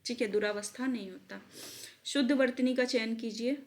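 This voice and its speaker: A woman teacher giving an online spelling lesson for exam students, repeating words slowly and mixing in English terms. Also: fairly high pitch, darkish tone. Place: at a laptop.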